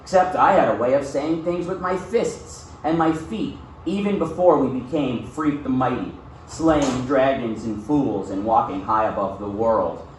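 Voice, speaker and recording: An unhurried male school teacher at medium pitch reads aloud during a classroom lesson, teaching step by step and often asking short check-in questions. Sound comes from afar in an echoey room with faint noise.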